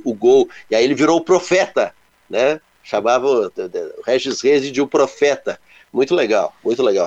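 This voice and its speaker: A man, co-hosting a casual show and telling stories in an animated way with sound-effect words. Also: mid-range voice, lo-fi sound. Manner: animated, onomatopoeic storytelling. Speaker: co-host. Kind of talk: casual storytelling chat.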